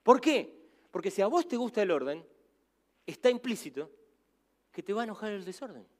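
A man in his fifties preaches with a Rioplatense Spanish accent, and his voice sits high for a man. His pitch swings widely as he tells stories and acts out the voices in them. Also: moderate pace. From Argentina. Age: 50s. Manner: animated storytelling, acts out voices. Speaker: pastor. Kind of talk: sermon.

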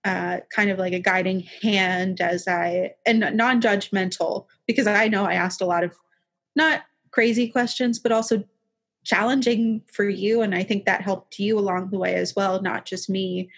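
A woman's voice: mid-range voice, steady tone, normal speed, a bit bright. A young woman talking as a podcast guest in a casual chat, reflective and rambling, with many restarts.

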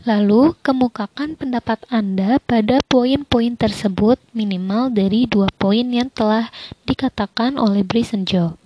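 A young woman student presents her coursework answers, reading them in a measured, careful way with the odd slip. Her voice sits slightly high. A faint hiss and some clicks run under the recording. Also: darkish tone, dull audio. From Indonesia. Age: young adult. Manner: measured, careful recitation with occasional slips. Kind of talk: reading prepared answers aloud.

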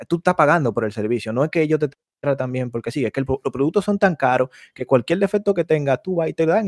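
Slightly high and a touch mellow, a male co-host's voice comes through a dry, studio-quality recording. He chats casually on the podcast, wandering through stories and checking in with "tú me entiendes."

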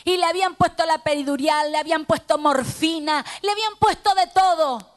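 A woman's voice: sits high, brisk. A middle-aged woman pastor with a Rioplatense Spanish accent, fervently telling a personal testimony in a sermon and quoting the people in it. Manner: fervent storytelling, quoting dialogue.

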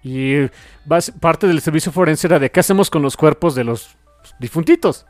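A man's voice: on the high side, moderate pace, no room sound, soft background music. A man, co-hosting a casual comic book podcast and animatedly retelling scenes with acted-out quotes. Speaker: podcast co-host.

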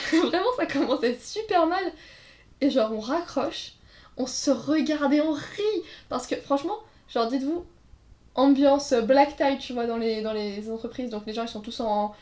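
A woman's voice: high voice, normal speed, darkish tone. A woman telling casual anecdotes in a chat, acting out quotes and laughing along. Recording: roomy echo.

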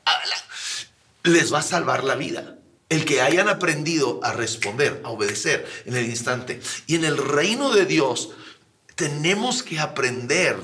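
Bright-voiced pastor preaching conversationally, a man. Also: on the high side. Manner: animated, shouts out military commands and acts out quotes.

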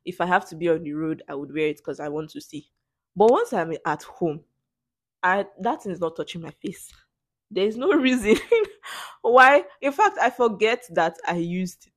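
Laughing often, a young woman with a Nigerian English accent answers questions on her casual solo podcast with playful sarcasm. Her voice is lowish, and the recording is dry.

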